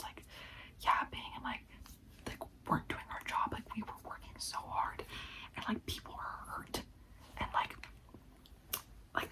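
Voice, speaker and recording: A young woman with a part-time food service job whispers a story throughout, venting in exasperation and filling it with lots of "like." Her voice is on the high side, and the recording quality is low.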